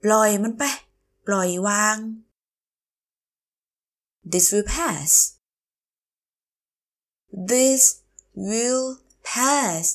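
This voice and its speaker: A woman teacher drilling English phrases slowly, saying each word on its own with careful pronunciation and then explaining them. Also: mid-range voice, animated, fairly bright tone. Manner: slow, careful, exaggerated pronunciation. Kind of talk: slow language drill, repeating phrases word by word.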